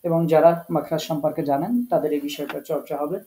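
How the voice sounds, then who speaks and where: Earnest Bangladeshi Bengali teacher, warm voice. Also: male voice, fairly high pitch, fairly even intonation, a little fast, slight background noise, rough recording. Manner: earnest, explanatory, with fillers and English words. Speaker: Quran recitation teacher. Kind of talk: online class lecture.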